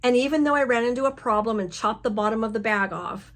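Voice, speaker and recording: A woman's voice: fairly high pitch, fast talker, a bit bright. A middle-aged woman hosting a crafting vlog from her home craft room, telling a story in a chatty, self-mocking way and laughing often. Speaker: crafting channel host.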